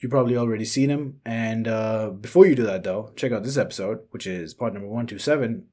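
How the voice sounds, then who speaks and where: A man's voice: fairly low pitch, a little fast, dark tone. Easygoing male podcast host. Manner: easygoing, laughs often. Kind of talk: casual podcast chat.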